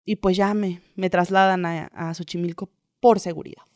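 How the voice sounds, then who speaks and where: A woman's voice: fairly low pitch, steady tone, normal speed, darkish tone, no echo, clean studio sound. A young woman with a Mexican accent, a guest telling her own story in a casual, chatty way, full of slang and filler tags. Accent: Mexican Spanish.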